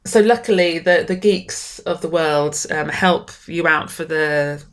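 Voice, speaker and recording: This middle-aged writer, a guest in a conversational interview, has a low-sitting voice and an unhurried delivery. She talks with enthusiasm, often starting over or saying words twice.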